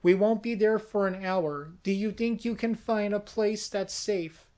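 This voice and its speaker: Person doing a quick soothing emergency operator, businesslike, calm. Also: mid-range voice, natural voice.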